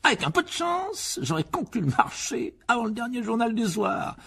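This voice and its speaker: A man's voice: very high voice, sing-song, moderate pace, vocal fry, slightly rough, pitched above the performer's own voice, full character voice. A man doing Vernon Dursley, a pompous blustering uncle. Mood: bossy. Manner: bossy, loud, self-satisfied.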